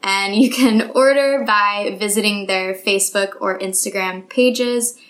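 A woman's voice: mid-range voice, steady tone, unhurried, a bit bright. Co-host: upbeat woman, mid-range voice, bubbly chatty delivery. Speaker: podcast co-host. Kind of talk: casual podcast chat with ad read.

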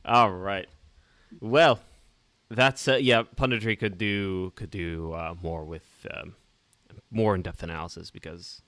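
A man's voice: deep voice, unhurried, a bit bright, no room sound. A man co-hosting a football podcast, hesitant with many fillers in casual chat. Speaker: podcast co-host.

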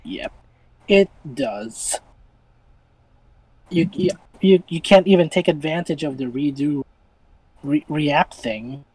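A man's voice: on the high side, slow, long pauses, darkish tone, breathy edge, no echo, poor audio. A man co-hosting a casual gaming podcast, often stumbling and restarting his words, with a dry sarcastic edge. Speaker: podcast co-host.

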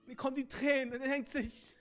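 High-voiced German pastor preaching. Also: male voice, level tone, fast, faint music behind. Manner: dramatic storytelling with sudden drops to quiet and swells to loud. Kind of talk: sermon.

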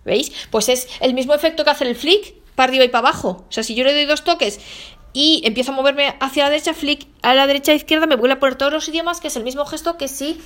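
Quick high-voiced woman teaching. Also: fairly bright tone. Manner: talks to viewers directly, repeats what the phone says. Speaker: instructor showing phone accessibility settings. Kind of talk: casual spoken tutorial.

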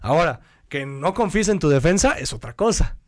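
Mexican dude w a high voice breaking down soccer plays, pushy opinions, dry mic. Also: male voice, lively intonation, no room sound. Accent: Mexican Spanish. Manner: opinionated, teasing, rapid analysis. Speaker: sports show co-host. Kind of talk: casual football talk show chat.

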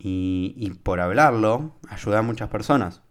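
A man's voice: on the low side, a little slow, clean tone. A young man with an Argentine accent hosting a solo podcast, talking casually and directly to the listener, with many fillers. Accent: Argentine Spanish. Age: young adult. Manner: informal, talks straight to the listener, many fillers. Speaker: podcast host.

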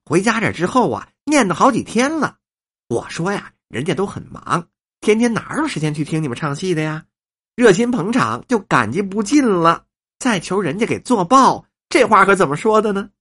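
A man doing a shrill, fawning old woman. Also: moderate pace, breathy edge, heavily acted. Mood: gushing. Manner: shrill, gushing and flattering.

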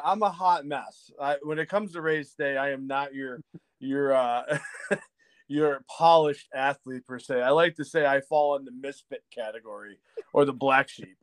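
A man's voice: on the high side, no echo. A middle-aged man, a guest on a podcast, telling a rambling story in a self-mocking way, laughing and swearing freely and acting out what others said. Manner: rambling with restarts and acted-out dialogue. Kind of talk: casual storytelling chat.

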